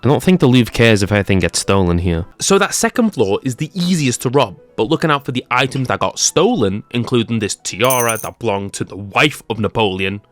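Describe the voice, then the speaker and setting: A man's voice: mid-range voice, lively intonation, brisk, faint music behind. A young man narrating a scripted tech-comedy video with jokey, sarcastic asides. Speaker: YouTube creator.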